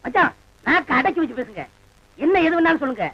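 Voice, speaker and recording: An actor playing a gloomy brother-in-law who speaks in a plaintive, mock-tragic way. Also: male voice, extremely high pitch, very animated, quick pace, no room sound, exaggerated voice. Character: big gloomy brother-in-law with a dog obsession. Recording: dull lo-fi film soundtrack.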